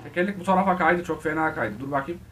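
A man giving casual, excitable commentary on his gameplay, talking straight to his viewers and shouting at the game. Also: a little high, fast talker, distant mic. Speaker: gaming video host.

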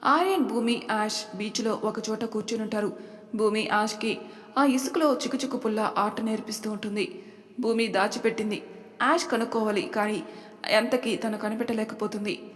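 Woman reading a story aloud, chatty, bit high, long echo. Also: fairly even intonation, normal speed. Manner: chatty, addresses listeners. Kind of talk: audiobook story narration.

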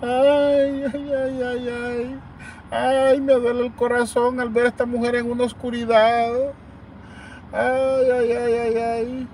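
A man's voice: very high voice, little pitch movement, slow pace, darkish tone, distant mic, slight background noise, pitched above the performer's own voice, full character voice. A man putting on a mock-pitiful wailing voice as he parodies a whiny critic, moaning "ay, ay" over and over. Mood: mock-weepy. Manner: mocking wails of "ay, ay".

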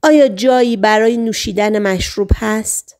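A woman reading the lines of a calm male psychiatrist who gently questions a patient under hypnosis. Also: mid-range voice, natural voice. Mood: gentle.

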